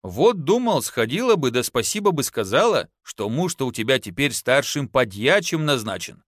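A man's voice: mid-range voice, sing-song, normal speed, fairly bright tone, dry recording, clean studio sound. A man voicing a boastful, easygoing young husband in an audiobook, talking in a folksy, placating way. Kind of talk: audiobook narration.

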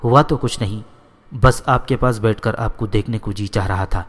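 A devoted, simple-hearted house maid, read by a man in his own low voice. She is read without any change of voice, plainly and steadily, as in a storybook. A long reverb trails behind every line. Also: close to an everyday voice. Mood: devoted, pleading.

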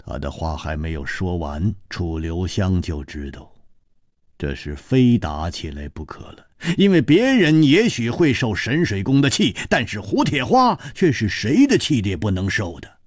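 A male storyteller narrating a martial-arts tale in a dramatic, expressive style. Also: lowish voice, unhurried, no echo, clean studio sound.

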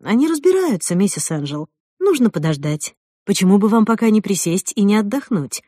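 A man's voice: high voice, very animated, brisk, dark tone, no echo, clean studio sound. A woman reading an audiobook voices a courteous, slightly puzzled male hotel manager. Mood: polite. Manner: courteous, hesitant.

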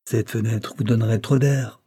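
A man's voice: lowish voice, fairly even intonation, normal speed, warm tone, breathy edge. A man reading aloud plays an obstinate, domineering judge who gives brusque orders. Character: stubborn, bossy middle-aged man, a judge.

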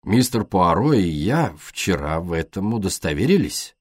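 A man voicing a brusque, blunt male police superintendent in an audiobook, in a flat, matter-of-fact way. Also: low-pitched, normal speed, dry recording, studio quality. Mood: stern.

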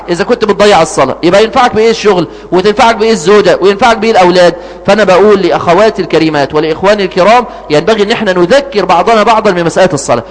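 A man with an Egyptian Arabic accent preaching a sermon, animated and throwing rhetorical questions at his listeners. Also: sits high, long reverb tail, poor audio.

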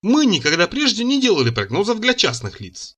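A man narrating a satirical story aloud in an expressive audiobook reading. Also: high voice, a little fast.

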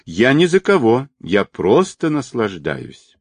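A man's voice: medium pitch, huge pitch swings, takes it slowly, husky, no echo, voice pushed up, heavily acted. A man voicing a mocking, commanding crippled man who sneers at everyone, read out as part of a story. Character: mocking crippled man, boss, sharp-tongued.

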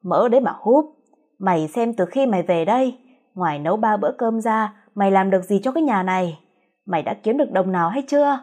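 A woman's voice: medium pitch, expressive, a little fast, a little mellow, lightly acted. A woman voicing a spiteful older mother-in-law who screeches and scolds in a storybook reading. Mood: furious.

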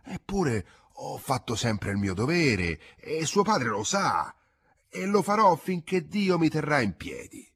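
A man voicing an old farmhand who pleads slowly and stubbornly in a storybook reading, with a husky voice. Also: deep voice, very animated, fairly bright tone, exaggerated voice. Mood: pleading.

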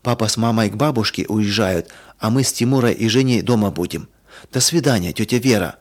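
Man doing a shrill little storybook girl. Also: brisk, lightly acted. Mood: hurried. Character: remorseful little girl, quick-tempered but penitent.

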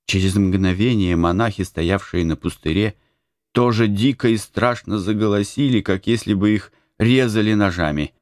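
A man with a very deep voice reads a novel aloud, telling it with dramatic expression. The recording is dry and close to the mic, with no room echo. His delivery stays that of a storyteller. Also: moderate pace, darkish tone. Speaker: audiobook narrator. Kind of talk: scripted narration.

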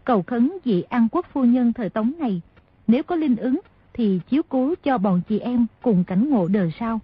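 A woman narrating a martial-arts novel as an audiobook, telling the story at a steady pace. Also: a little high, normal speed, breathy edge, no echo. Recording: dry, dull lo-fi audio.

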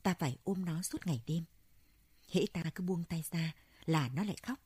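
A woman voicing an old, gentle Buddhist monk. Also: fairly low pitch, moderate pace, husky, no echo. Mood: sorrowful. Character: elderly male Buddhist monk, gentle and reflective.

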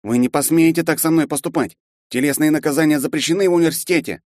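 An arrogant half-elf student blusters and begs in a pitched-up, strained voice, as a male audiobook narrator puts him on. He sounds haughty and desperate. The recording is close and dry. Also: fast, darkish tone, no echo, close to an everyday voice. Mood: panicked. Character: arrogant half-elf student bully, big, later pleading. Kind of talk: audiobook character voice.

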